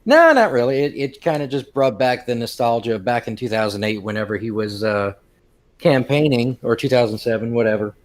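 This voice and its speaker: A man's voice: mid-range voice, expressive, moderate pace. A young man co-hosting a casual podcast chat, telling long jokes with many fillers. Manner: rambling storyteller with fillers. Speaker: podcast co-host.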